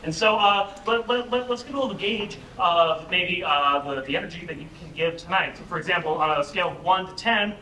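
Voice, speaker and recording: A man's voice: high-pitched, fairly quick, few pauses. A young man hosting an improv comedy show, energetically joking with and hyping the live audience. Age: young adult. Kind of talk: live stage emcee warm-up. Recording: echoey room, far mic, loud crowd noise.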